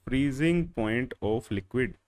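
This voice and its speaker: A young adult man lectures a chemistry class, posing questions and answering them himself, repeating key phrases and calling students "beta" and "bhaiya". His medium-pitched voice has lively intonation, a slightly slow pace, and a slightly mellow quality.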